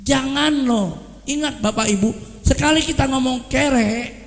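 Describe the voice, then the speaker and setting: A man's voice: very high-pitched, measured pace. A man preaching a sermon to his congregation, speaking to them directly and acting out gossip in quoted voices. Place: worship hall. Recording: long hall reverb.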